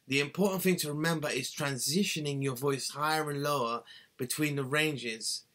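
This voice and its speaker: Here a singing tutor in his thirties talks to camera in a small cluttered bedroom, giving an earnest, instructive scripted lesson. His voice sits in the mid-range with a fairly bright tone, and both his hands move as he teaches.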